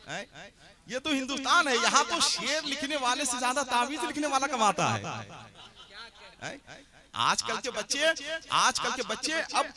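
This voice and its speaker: Brief: man as stage host and poet at a religious gathering, high lively chanting delivery, live crowd audible behind him. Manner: chants couplets loudly, repeating lines and coaxing the crowd to respond. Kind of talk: Urdu poetry recitation and stage compering. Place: religious gathering with a large seated audience.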